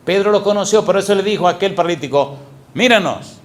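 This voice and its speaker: A middle-aged male pastor preaching a lively sermon in a church, often asking the congregation questions. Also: high voice, fast talker. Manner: animated, asks the congregation repeated questions. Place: church sanctuary.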